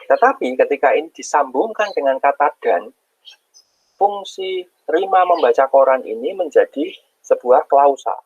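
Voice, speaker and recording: A man's voice: mid-range voice, lively intonation, normal speed, darkish tone, slightly rough, no room sound, muffled recording. A male university lecturer speaking with a tinge, giving an informal online lecture with many fillers and acted-out example sentences.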